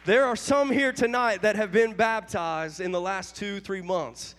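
High-voiced fervent preacher in a reverberant sanctuary. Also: male voice, a little slow, fairly bright tone, some chatter behind. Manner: fervent preaching with call-and-response. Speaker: pastor. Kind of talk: revival sermon. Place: church sanctuary.

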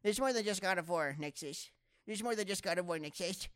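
A man's voice: fairly quick, fairly bright tone, clear, resonant tone, no echo, clean studio sound. A man putting on a mocking impression of a whiny young male friend who nags and complains. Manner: nagging, high-pitched mimicry.

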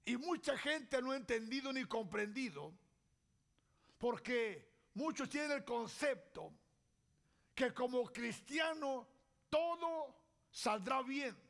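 High-pitched slow-preaching man. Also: lively intonation, creaky, a bit bright. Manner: slow, deliberate preaching with rhetorical questions. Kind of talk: sermon.

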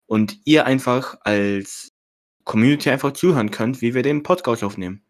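A man's voice: medium pitch, normal speed. A young man co-hosting a casual podcast, talking in a self-mocking, slangy way with English words mixed in. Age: teenager or young adult. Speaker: podcast co-host.

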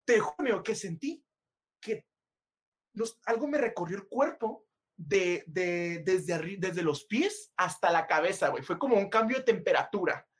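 A man with a Mexican accent, a podcast co-host telling a personal story in a casual, animated, slangy way, laughing often. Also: sits high, moderate pace, slightly rough.

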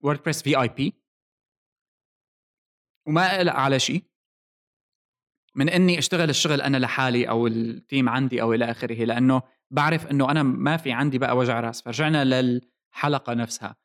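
Male podcast host, Levantine Arabic accent, medium pitch, brisk delivery, casual explainer mixing English tech terms. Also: fairly even intonation, a bit bright.

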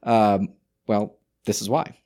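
A man's voice: fairly low pitch, fairly even intonation, takes it slowly, warm tone. A man co-hosting a podcast, reading historical passages aloud and discussing them casually, often restarting his sentences. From Czech Republic. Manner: reads from sources with frequent restarts. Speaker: podcast co-host.

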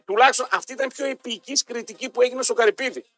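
A man's voice: very high voice, a bit bright. A man co-hosting a sports radio show, chatting casually and often repeating himself. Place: radio studio. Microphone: studio microphone. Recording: radio broadcast with faint music.

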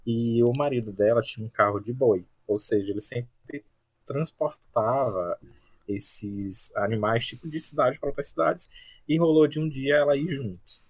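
Man, husky voice, lively storyteller, casual podcast chat, dry close mic. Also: medium pitch, moderate pace, dry recording. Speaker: podcast co-host.

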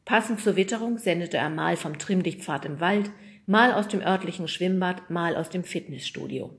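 A woman's voice: fairly low pitch, normal speed. Woman reading a children's story. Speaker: audiobook narrator. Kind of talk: scripted narration.

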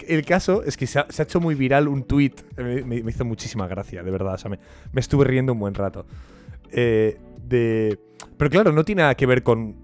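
A man with a Spain Spanish accent chats as a podcast co-host, relaxed and quick to laugh. His voice sits at an ordinary middle pitch. A faint music bed plays behind. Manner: easygoing, laughs often. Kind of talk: casual chat.

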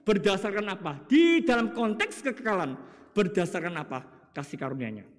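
A male preacher delivers a sermon in a very high voice that rises and falls with lively, animated pitch. He poses rhetorical questions and drops to a hush before building again. A long hall reverb trails his words. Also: moderate pace. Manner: rhetorical questions, swings from loud to hushed; acts out quoted voices in his stories.

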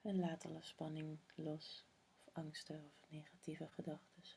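A woman guiding a meditation in a soft, breathy half-whisper, slow and soothing, with long pauses. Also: sits low, little pitch movement, slight background noise. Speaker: meditation guide. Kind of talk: guided meditation.

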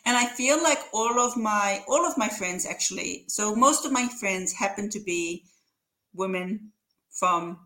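A woman's voice: mid-range voice, expressive, unhurried, pushed and bright, low-quality recording. A woman explaining things casually as an interview guest, emphatic and repeating words to make her point. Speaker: interview guest, writer or publisher.

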